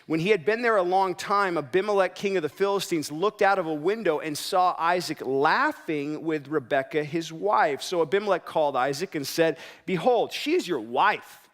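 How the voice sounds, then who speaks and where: Guy preaching a sermon, fairly high voice, chatty, keeps asking the room questions. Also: normal speed, hardly any pauses, a bit bright. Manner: conversational, self-interrupting preaching with rhetorical questions. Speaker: pastor.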